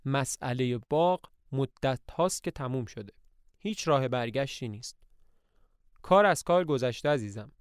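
A man's voice: mid-range voice, expressive, clean tone, dry recording, studio quality, natural voice. A man reading the lines of a young male eternal student who lectures and mocks, in a lofty tone. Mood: lecturing.

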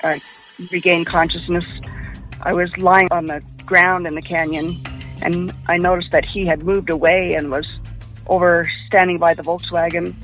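A woman giving personal testimony about an attack she survived, in a quiet, halting way. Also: fairly low pitch, level tone. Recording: muffled lo-fi with faint music.

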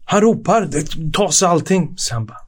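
A man in his forties, a former footballer guesting on a podcast, telling lively, swear-laden stories and laughing through the punchlines. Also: a little high, husky. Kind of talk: casual anecdote telling.

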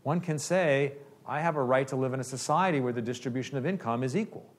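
A man's voice: mid-range voice, fast. A man fielding audience questions at a talk. He explains his points step by step and keeps checking in with the room. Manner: explanatory, uses "okay?" often. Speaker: speaker answering questions. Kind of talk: lecture Q&A.

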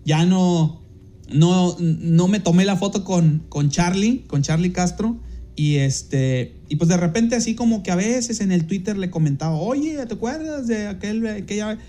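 A man's voice: high-pitched, a little slow, warm tone. A Mexican man, a podcast host and DJ, telling a casual anecdote in a rambling way, with many fillers and restarts, and jumping into livelier voices when he quotes people.

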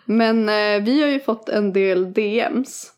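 A woman's voice: medium pitch, a little mellow, smooth. A young woman co-hosting a podcast, joking in a dry, teasing way. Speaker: podcast co-host. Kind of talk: casual chat.

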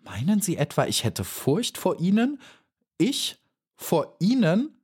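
A man's voice: medium pitch, sing-song, moderate pace, a little mellow, voice pushed up. A man voicing a large female dragonfly in a storybook, haughty, condescending and predatory.

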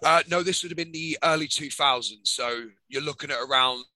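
An English man in his thirties, a professional wrestler appearing as a guest, tells his story candidly in a casual, chatty interview full of ums. His voice is on the high side, brisk, and sharp. The recording has no echo but sounds rough.

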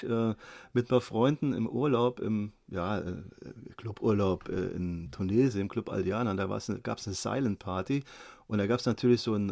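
Guest: gravelly, lowish male voice in his fifties, chatty storyteller full of fillers. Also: darkish tone. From Germany. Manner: rambling storyteller with many fillers and chuckles. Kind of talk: casual chat.

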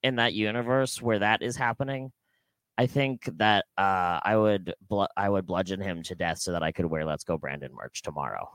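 A young man co-hosting a casual comedy podcast, talking in an animated, jokey way with many halting restarts. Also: deep voice, no echo. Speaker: podcast co-host.

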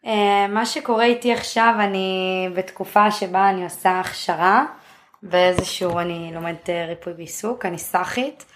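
A young woman co-hosting a podcast, chatting casually with wry, slangy, deadpan jokes. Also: mid-range voice, slight background noise. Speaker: podcast co-host. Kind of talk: casual chat among friends.

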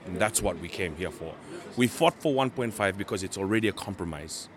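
Earnest man, low voice. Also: animated, a crowd in the background. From Fiji. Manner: earnest, pausing to search for words. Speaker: Pacific island campaigner interviewed at a meeting. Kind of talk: interview answers.

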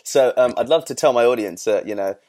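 A man's voice: medium pitch, brisk, darkish tone. A man hosting a podcast, chatting casually with a guest, swearing freely, laughing often and tripping over his words. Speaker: podcast host. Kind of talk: casual interview chat.

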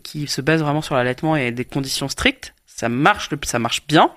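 A woman's voice: low-pitched, expressive, normal speed, a bit bright. A woman with a French accent giving casual expert advice as a guest, in a blunt, colloquial, familiar way. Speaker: midwife or women's health expert guest.

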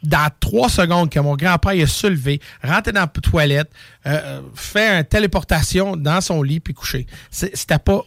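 Excitable Québécois man, dry close sound. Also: on the high side, creaky, dry recording. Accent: Québécois French. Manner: animated, excitable storytelling with quick restarts. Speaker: radio show host. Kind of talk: casual storytelling and call-in chat.

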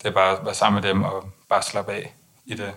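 Young man, very flat monotone delivery, gravelly fry, hesitant restarts, candid conversation. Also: slight background noise. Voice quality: monotone, low-key delivery. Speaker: interview guest.

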